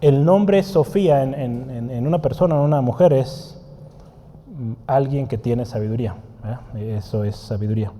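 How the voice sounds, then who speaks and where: A man's voice: medium pitch, moderate pace, dark tone, slight background noise. A man giving a teaching sermon in a conversational way, asking the congregation questions and writing on a board as he explains. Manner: writes on a board while teaching. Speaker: preacher. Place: church hall. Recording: long church hall reverb.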